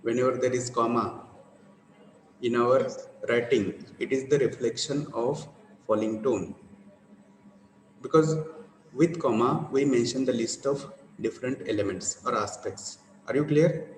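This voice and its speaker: A man's voice: mid-range voice, unhurried, a little hiss or hum. Echoey male teacher lecturing a class. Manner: repetitive, asks for confirmation.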